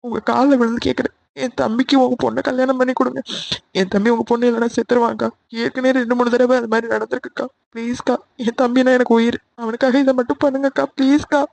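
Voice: medium pitch, flat delivery, fast talker, gravelly, a little mellow, close to an everyday voice. A voice actor playing a bold, persuasive younger aunt who pleads and coaxes in a cartoon. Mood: pleading. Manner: coaxing and pleading. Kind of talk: Tamil cartoon voice acting.

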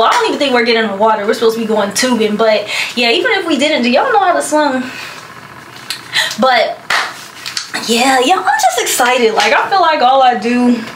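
A woman's voice: sits high, reverberant, background noise. A young woman vlogging casually to camera, rambling and chatty with plenty of fillers. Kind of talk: casual vlog chat to camera.

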